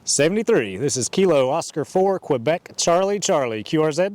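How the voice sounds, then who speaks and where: A man making a ham radio call outdoors, reciting his call sign in phonetic alphabet over and over with a steady rhythm. His voice sits a little high for a man, with faint noise behind it. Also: moderate pace. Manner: steady, repetitive radio procedure cadence. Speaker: amateur radio operator. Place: outdoors in a park.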